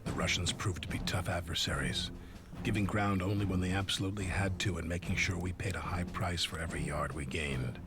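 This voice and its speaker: A deep, low male voice tells a war story with solemn, measured gravity, as an actor narrates a war game. His delivery is steady and weighty. A game score plays clearly beneath him. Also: lightly acted. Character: grave male war narrator, older soldier. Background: game score music.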